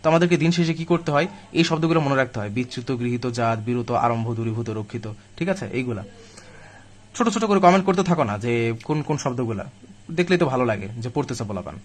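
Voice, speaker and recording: Expressive and very fast at medium pitch, a young man teaches a live online grammar class to admission students. Illness has made him weak and slow to speak, yet he stays chatty and direct.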